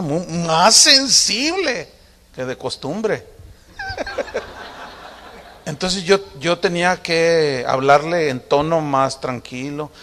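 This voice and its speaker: Pastor preaching in a reverberant hall. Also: male voice, fairly high pitch, a bit bright. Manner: conversational storytelling, acting out family dialogue with humor. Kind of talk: sermon.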